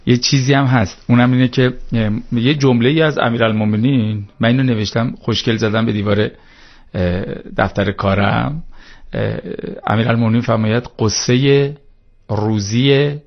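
Gravelly man arguing religious points. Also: medium pitch, steady tone, lo-fi sound. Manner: preachy, argumentative, hesitant fillers. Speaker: guest speaking on religion. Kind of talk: studio talk-show discussion.

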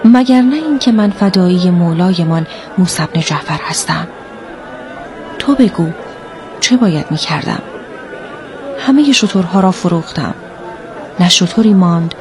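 A woman's voice: on the low side, expressive, long pauses, a little mellow, soft background music. A woman reading the part of a troubled, devoted male camel owner in her own voice, earnest and impassioned.

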